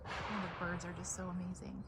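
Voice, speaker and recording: A woman hosts a casual garden vlog, strolling around outdoors and chatting in a rambling, gushing, enthusiastic way. Her voice is fairly low and brisk with a flat delivery, and the recording carries noisy outdoor ambience.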